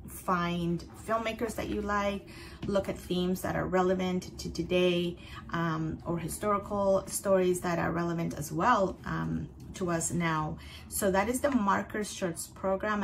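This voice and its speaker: A woman with a fairly low voice that often drops into a gravelly fry. She presents recommendations as a host, half-scripted and conversational, explaining in measured phrases. A light ambient noise sits behind her. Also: poor audio. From outside North America. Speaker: festival picks host.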